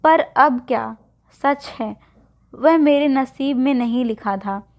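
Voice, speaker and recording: A woman storyteller voicing a tearful, resigned young bride in a soft, sorrowful way. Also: high voice, slow. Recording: dull lo-fi recording.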